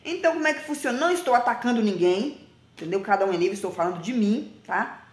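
A woman in her forties talking bluntly and emphatically to a phone camera, often ending phrases with a quick question. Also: mid-range voice, animated, reverberant. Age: 40s. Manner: blunt, emphatic, repeats herself, frequent "tá?". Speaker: vlogger. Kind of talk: casual direct-to-camera talk. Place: small indoor room with plain wall.

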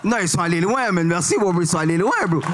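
A man's voice: high voice, quick pace, noisy background. A young man in his twenties with a Québécois accent doing a stand-up set on a club stage, full of slang and English words, often asking if you follow. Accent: Québécois French. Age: 20s. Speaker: stand-up comedian.

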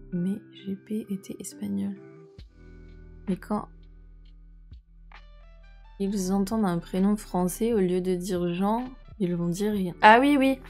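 A woman's voice: medium pitch, a little mellow. A young woman streamer chatting casually and rambling with her viewers, answering chat messages as she goes.

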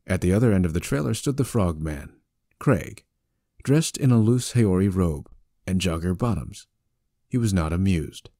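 A man's voice: low-pitched, lively intonation, moderate pace, mellow, no echo, studio quality. A man narrating an audiobook in a wry, conversational storytelling manner.

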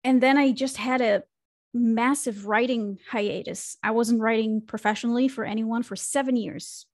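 A woman from Israel speaks at a moderate pace in a fairly high voice with fairly even intonation, captured in a dry recording. She's a marketing consultant guesting on a podcast, reflectively narrating her career with fillers and restarts. The casual interview takes place over a video call from a small home room, on a studio mic.

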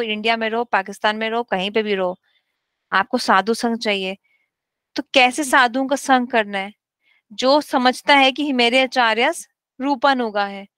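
A woman giving a devotional class, reading slowly in English and explaining quickly in Hindi. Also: on the high side, pushed and bright, clear, resonant tone, no echo. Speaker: spiritual teacher.

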